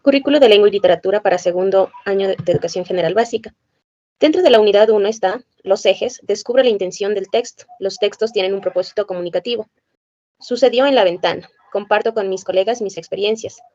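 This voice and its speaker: A woman's voice: medium pitch, quick pace, mellow, dry recording. Woman presenter, reads items in a plain listing way; dry, dull lo-fi recording. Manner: plain list-reading, spells out letters and sounds one by one. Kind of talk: reading a curriculum list aloud.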